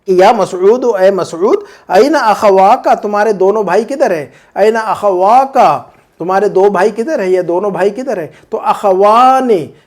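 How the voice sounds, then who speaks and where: A man teaching an Arabic grammar lesson, repeating word forms slowly and checking in with listeners as he explains. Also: high-pitched, darkish tone. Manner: frequent "hai na" checks with listeners.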